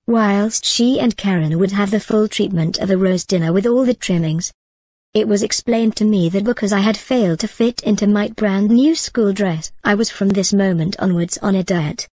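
A woman reading a story aloud in a measured, even manner. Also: mid-range voice, dry recording. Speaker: narrator. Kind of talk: storybook narration.

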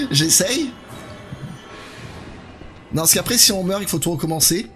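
A man's voice: high voice, fast talker, a bit bright, soft background music. A man doing casual live commentary on a horror game while chatting with his viewers.

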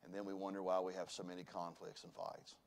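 A man, preaching a sermon in a church. He swings from loud emphasis to hushed tones. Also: sits low, flat delivery, quick pace. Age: 40s. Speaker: pastor. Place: church sanctuary.

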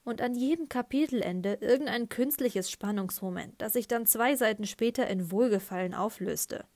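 A scornful, grumbling boy, read by a woman. His lines come out low-key and critical in an audiobook reading, with a dry, close sound. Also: normal speed, darkish tone, no room sound, lightly acted.

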